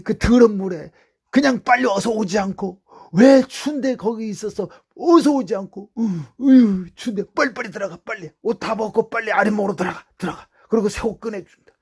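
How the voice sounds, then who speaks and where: A male preacher voicing a mother who scolds her child and hurries him in out of the cold, in a loud, high nagging tone. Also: fairly quick, breathy edge. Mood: scolding, fretful. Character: scolding but tender middle-aged mother.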